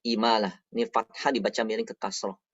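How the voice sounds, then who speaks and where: A man teaching the rules of Quran recitation in a patient, explanatory manner, repeating each point slowly. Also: lowish voice, little pitch movement, fairly bright tone, no room sound. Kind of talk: explanatory lesson. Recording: dull, dry lo-fi recording.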